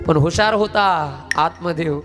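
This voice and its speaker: A high-pitched man tells a devotional story as a sermon to a live gathering. He speaks emphatically, quizzing his listeners and calling for their answers. Musical instruments sound clearly behind his voice. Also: takes it slowly, music in the background. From Beed, Maharashtra. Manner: emphatic, quizzes the audience and asks them to answer aloud. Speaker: Bhagavat katha preacher. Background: musical instrument accompaniment.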